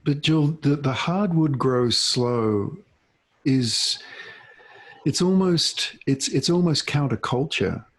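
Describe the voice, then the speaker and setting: Gravelly, husky man hosting an interview. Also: medium pitch, animated. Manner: halting, searching for words with many restarts. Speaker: host. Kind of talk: interview question.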